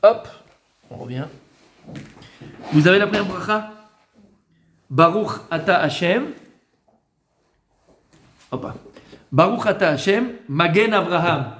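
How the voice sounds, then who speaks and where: A man, a rabbi, teaching a class in lively style, often asking questions and answering them himself. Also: sits high, slow, pauses often, a little hiss or hum. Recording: echoey room.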